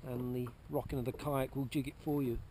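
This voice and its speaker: A man's voice: mid-range voice, little pitch movement, fairly quick, noisy background. A man explaining fishing methods from a kayak out at sea, chatty and repeating himself as he goes, recorded on a kayak-mounted camera. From Cornwall, UK. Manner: chatty, repeats words and restarts while explaining. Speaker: kayak angler presenting a fishing video. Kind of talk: casual outdoor how-to narration. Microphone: action camera mounted on the kayak.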